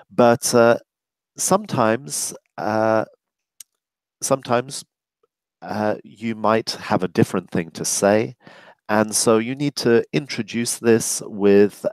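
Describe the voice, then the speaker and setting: A man teaching an English speaking-test webinar, talking deliberately with many fillers and modelling phrases with a rising tone. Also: on the low side, darkish tone, clean tone, no room sound. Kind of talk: webinar lesson.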